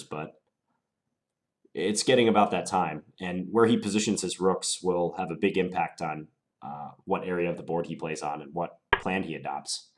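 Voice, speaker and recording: A very deep-voiced man, congested with a cold, thinks aloud while playing chess and commentating on his own game. His analysis is deliberate, musing and unhurried.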